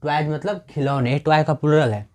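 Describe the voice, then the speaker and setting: A man teaching English pronunciation in Hindi. He talks slowly, repeats his points and asks questions that he answers himself. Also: on the high side, fairly even intonation, a little mellow. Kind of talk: spoken Hindi pronunciation lesson.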